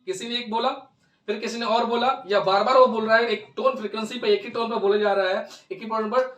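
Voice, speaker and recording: A man teaching a school physics lesson, who asks questions and answers them himself and reads English definitions out slowly. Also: high-pitched, fairly even intonation, a bit bright. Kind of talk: Hindi physics class lecture. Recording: echoey room, voice from far off.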